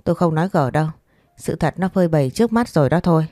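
A woman's voice: low voice, expressive, fast, dark tone, dry recording, studio quality. A woman voicing a blunt older man who reproaches his wife. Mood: reproachful. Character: blunt, scolding older husband.

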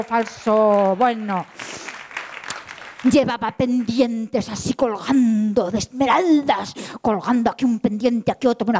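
A woman storyteller, telling a tale live, playful and full of sound effects and asides. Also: on the high side. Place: event hall.

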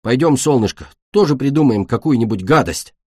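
A man's voice: medium pitch, animated, brisk, darkish tone, slightly rough, no echo, clean studio sound. A man voicing a loyal, good-natured young male earth dragon who talks indignantly. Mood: grumbling.

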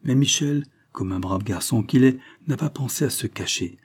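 A man's voice: medium pitch, normal speed, slightly rough, voice pushed up. A man reading aloud, voicing a grieving, stubborn young peasant woman in a plaintive, insistent way. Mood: sorrowful.

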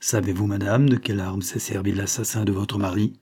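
Guy doing a hard-edged police agent, brusque and urgent, husky dark voice a bit raised. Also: on the low side, steady tone, brisk. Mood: brusque, intense. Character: tense, brusque male police agent, intense.

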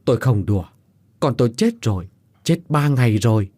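A grave, grieving village man speaks firmly and deliberately, as a male storyteller plays him. The voice is husky and warm, set in a dry, close sound. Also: mid-range voice, expressive, no room sound, natural voice. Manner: grave, firm and measured.

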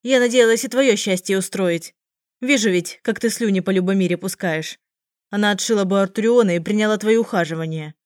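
A woman reading an audiobook, voicing a bitter, jealous young woman tavern-keeper who shouts her accusations. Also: medium pitch, normal speed, no echo, clean studio sound, lightly acted. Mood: furious.

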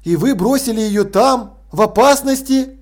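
A man voicing a calm and very polite male watch officer, speaking courteously. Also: extremely high pitch, unhurried.

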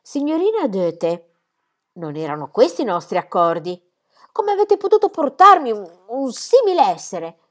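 A woman's voice: fairly high pitch, very animated, moderate pace, voice pushed up. A woman reading aloud, voicing a stern, strict middle-aged governess who scolds shrilly. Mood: indignant.

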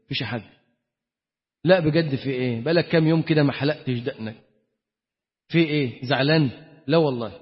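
Preacher voicing a soft worried Egyptian father. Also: very fast, close to an everyday voice. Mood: coaxing. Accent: Egyptian Arabic. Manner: soft, coaxing, lowered voice. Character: worried gentle middle-aged Egyptian father. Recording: dull lo-fi sound, long hall reverb.

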